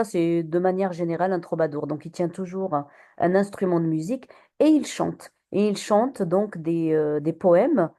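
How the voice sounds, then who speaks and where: A woman teacher leads a poetry lesson in a classroom, her voice mellow and warm. She talks patiently, keeps quizzing her students and fills pauses with many hesitations and restarts, heard through a recorder in the room. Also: lowish voice.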